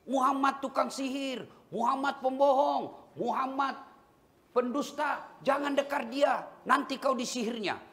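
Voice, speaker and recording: A man voicing a blind man who shouts abuse and accusations in a market. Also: a little slow, gravelly, heavily acted. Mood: jeering. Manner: shrill, accusing yelling. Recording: roomy hall.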